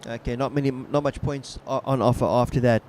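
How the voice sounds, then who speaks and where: A man giving casual, laid-back live commentary as a surf contest announcer, unhurried and chatty. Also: mid-range voice, fairly even intonation, a little mellow. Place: outdoors at a surf beach. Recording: outdoor ambience with clear background noise.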